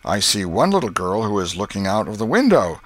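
A man's voice: fairly low pitch, very animated, fairly quick, a bit bright, dry recording. A man voicing an earnest, pious Sunday school superintendent with a peculiar sing-song speaking tone, raised well above his own voice. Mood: sugary, coaxing. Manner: sing-song sanctimonious speech intonation.

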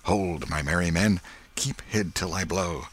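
A boastful storybook boy playing at outlaws, bossing his friend about in loud, raised calls, as a deep-voiced male reader puts him on. The voice jumps well above the reader's own low register and pushes hard. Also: a little slow. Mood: hushed. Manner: bossy, excitable, loud boyish calls.

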